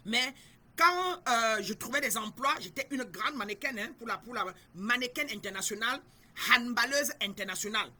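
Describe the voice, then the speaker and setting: A woman's voice: fairly high pitch, expressive, moderate pace, bright, forceful tone. A middle-aged woman from Cameroon, a spiritual guide giving an emphatic, repetitive teaching talk and speaking straight to her listeners.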